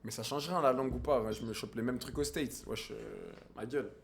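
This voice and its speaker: A man's voice: medium pitch, brisk, gravelly, slight background noise. A man with a French accent streaming casually, crude and joking, mixing in English and Spanish. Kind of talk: casual live-stream chat.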